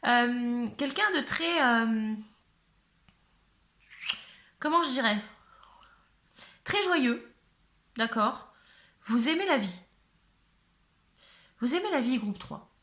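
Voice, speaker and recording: A hoarse woman from north-eastern France with a north-eastern French accent, giving a chatty, giggly tarot reading to her viewers, often searching for words. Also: a little high, expressive, slow, long pauses, pushed and bright, reverberant. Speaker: tarot reader. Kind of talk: casual tarot reading to camera.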